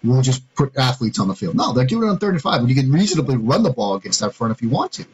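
A man's voice: medium pitch, big pitch swings, fast talker, darkish tone, lo-fi sound, a little hiss or hum. A man co-hosting a sports podcast, talking through defensive schemes step by step in a casual, analytical way. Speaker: podcast co-host, football analyst.

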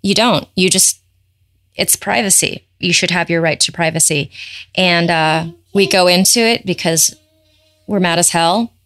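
A middle-aged woman hosting a podcast in loose, excitable casual chat, quick to laugh. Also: lowish voice. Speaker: podcast host.

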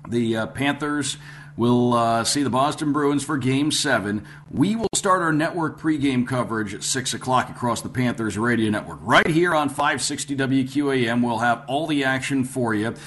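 A man's voice: mid-range voice, fairly bright tone. A man hosting a sports radio program in a conversational, emphatic way, stressing key phrases.

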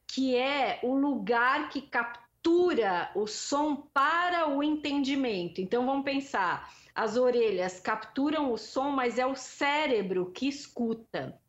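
A woman guest, a speech therapist, explaining things in a teaching manner. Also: on the high side. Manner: explaining, didactic. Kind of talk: explanatory conversation. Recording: dull, muffled sound.

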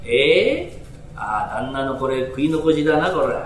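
A male rakugo storyteller with medium pitch and a natural, slightly slow voice gleefully plays a brash, greedy Edo burglar who is cocky and easily fooled, using rough Tokyo downtown street talk in a lively, swooping voice. He performs live before an audience in a small storytelling hall, and the recording is roomy with faint noise.

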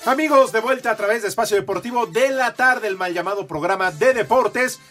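A man's voice: high-pitched, fairly quick, bright, forceful tone, soft background music. A man hosting a radio show with irreverent banter. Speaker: radio host.

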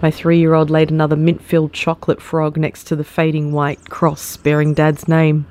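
A woman reading a first-person short story aloud, measured and sorrowful. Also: sits low, monotone, darkish tone, slight background noise. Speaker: story narrator. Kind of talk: scripted first-person narration.

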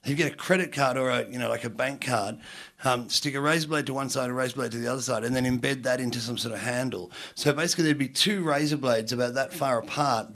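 A man's voice: mid-range voice, fairly bright tone. An Australian man doing stand-up, telling a long, rambling story with heavy swearing and self-mockery. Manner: rambling, profane, self-mocking with restarts. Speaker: comedian.

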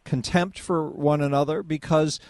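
A man's voice: on the high side, steady tone, moderate pace, darkish tone, no echo, clean studio sound. A male radio host on a call-in show, leading the caller along with pointed questions. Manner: probing, leads the caller with questions. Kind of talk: call-in talk radio debate.

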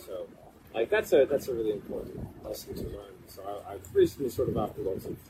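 Guy with a lowish voice just rambling casually on a podcast, pretty noisy behind him. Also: very animated, fast talker. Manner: rambling and informal, with casual swearing. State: cold, in an ice bath. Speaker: podcast speaker. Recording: clearly noisy background hum.

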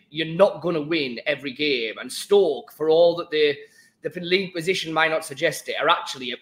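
A man presents a casual sports show with a croaky, mildly hoarse voice. His pitch sits a little above the usual male range. He is chatty and jokey as he hosts. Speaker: podcast host.

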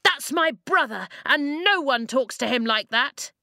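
A woman voicing a bold young warrior boy in a storybook reading, shouting in a brash, defiant way. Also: high voice, expressive, unhurried, dry recording, studio quality, pitched above the performer's own voice, exaggerated voice. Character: bold warrior boy, loud big brother.

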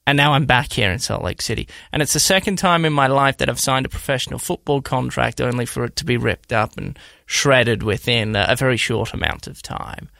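A man in his thirties with an Australian accent, co-hosting a podcast and telling a story in a rambling, animated way with lots of fillers and restarts. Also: mid-range voice, fairly quick, gravelly, no room sound, studio quality. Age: 30s. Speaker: podcast co-host. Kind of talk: casual storytelling chat.

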